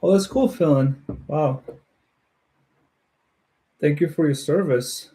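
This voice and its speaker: Livestream host, man from Ukraine; mellow, dark tone, easygoing chatter with frequent laughs. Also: fairly high pitch, slow. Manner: friendly, chatty, laughs often while building. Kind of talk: casual chat with live viewers.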